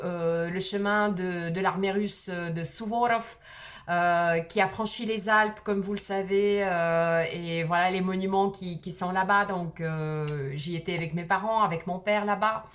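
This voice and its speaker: A woman's voice: on the low side, fairly even intonation, unhurried. A middle-aged woman from Russia with a slight Russian accent, telling a personal story to camera in a hesitant way with many fillers. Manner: hesitant, frequent "euh" fillers. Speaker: vlogger.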